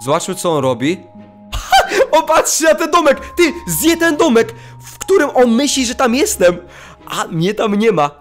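A man giving excitable let's play commentary, exclaiming and talking to his viewers. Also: very high-pitched, normal speed. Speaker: gaming channel host. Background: faint game music.

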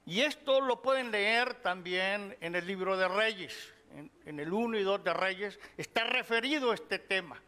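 A middle-aged man preaching a sermon, teaching from the Bible in a measured way and addressing the listeners as brothers. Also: sits high, bright, forceful tone. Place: church hall. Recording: long hall reverb.

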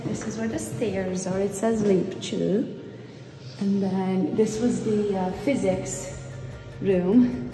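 A woman in her forties, born in Transylvania, tells her own story in a warm, chatty vlog style and talks straight to the people watching. She records at her desk and then walks through old school halls with a phone in hand. Soft music plays faintly underneath. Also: mid-range voice, steady tone, takes it slowly. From Transylvania, Romania. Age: 40s. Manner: chatty, playful, addresses viewers directly. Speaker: entrepreneur vlogger. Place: home office with window, then old school building.

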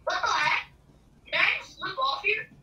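High, lively young woman, distant and roomy. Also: moderate pace. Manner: short, flat replies. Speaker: friend playing along. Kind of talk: casual gameplay chat.

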